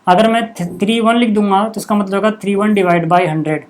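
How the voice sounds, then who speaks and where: Talking fast in a high voice, this male teacher works through a maths lesson at the board. His manner is relaxed, and he repeatedly drops in quick asides to make sure the class understands.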